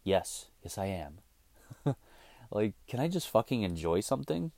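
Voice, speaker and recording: His fairly low, dark voice swings widely in pitch, with vocal fry and a slightly slow pace. The thirtysomething host delivers a casual, blunt monologue on his own show, swearing freely, recorded with no echo.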